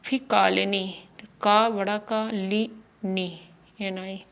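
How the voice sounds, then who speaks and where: A woman teacher giving a spelling lesson, slowly spelling names out letter by letter. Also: medium pitch, level tone, gravelly, a bit bright.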